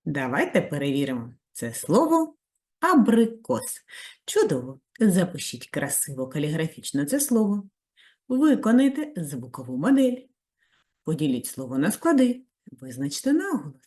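A female primary school teacher giving a video lesson to children, praising warmly and giving step-by-step tasks. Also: moderate pace. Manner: very lively pitch, rising high on praise.

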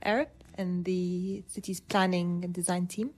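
A woman in her thirties from Dubai, an urban planner answering interview questions in a measured way, pausing with ums and restarting phrases. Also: fairly low pitch, level tone, a little mellow, breathy edge.

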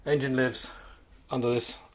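A man giving a walkthrough tour of a boat for sale as its broker, listing features in brisk short phrases while he films aboard. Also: medium pitch, level tone, slight background noise. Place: aboard a small motor boat, cabin and cockpit.

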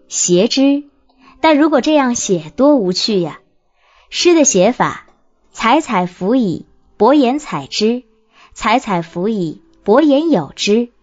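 A woman narrates a book on classical poetry with an expressive, lively voice that rises and falls widely. She reads a scripted text and poses rhetorical questions to the listener. The recording sounds dull and lo-fi, with a muffled top end. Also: on the high side. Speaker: audiobook narrator.

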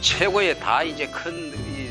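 A man's voice: a little high, slow pace, music in the background. A man in his sixties or older with a Gyeongsang accent, talking casually about himself. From rural Cheongsong, South Korea. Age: 60s or older. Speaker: village senior center secretary. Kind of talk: casual self-introduction and reminiscing.

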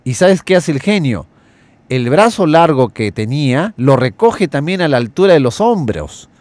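A man's voice: on the high side, big pitch swings, darkish tone, no room sound. Earnest male radio host, dry sound. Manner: earnest, addresses listeners often, lists words slowly. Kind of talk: motivational radio talk.

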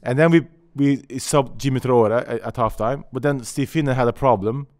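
At normal speed and medium pitch, a Norwegian-accented man in his forties recounts stories with animation and gestures, his English a bit broken. He's a former footballer appearing as a guest on a casual podcast. The setup is a small, colourfully backdropped studio with a desk mic on a stand.

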